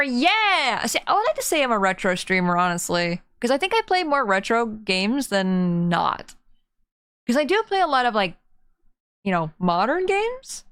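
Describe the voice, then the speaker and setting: With game music playing behind her, a variety streamer and artist live-streams a game, greeting viewers in a singsong voice and chatting in a cute, bubbly way. Her medium-pitched voice is smooth and a bit bright, captured in a clean, dry studio recording.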